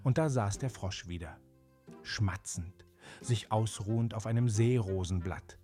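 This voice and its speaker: A man narrating a children's animal fable in a gentle, unhurried way with small fillers. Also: on the low side, soft background music. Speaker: storyteller.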